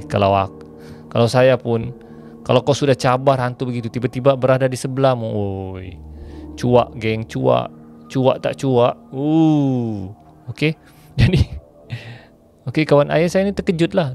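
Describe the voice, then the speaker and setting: A man telling a ghost story in a chatty way, pausing to explain local slang to his viewers. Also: mid-range voice, vocal fry, a little mellow, faint music behind.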